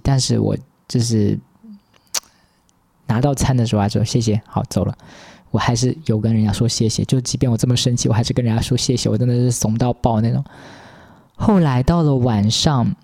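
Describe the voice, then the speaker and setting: A man's voice: medium pitch, creaky. Exasperated man telling a story. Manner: exasperated, animated retelling. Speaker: podcast host. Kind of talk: casual storytelling monologue.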